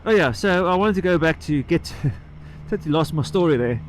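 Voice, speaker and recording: A man with a fairly high voice rambles casually as he rides, speaking into a microphone inside his helmet. He trails off and picks up again in an unscripted vlog style. Faint engine and road noise sits behind him. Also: lively intonation. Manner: halting, trailing off and picking the thread back up. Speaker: motorcycle vlogger. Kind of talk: casual rambling vlog chat while riding. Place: inside a helmet on a moving motorcycle outdoors.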